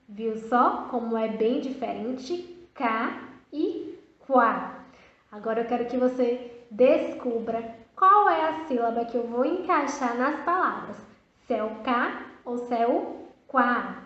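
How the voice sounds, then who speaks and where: Woman teacher, high voice, slow careful speech, very echoey dull room recording. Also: fairly bright tone. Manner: slow, drawn-out word modeling, sing-song prompts. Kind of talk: video lesson for young children.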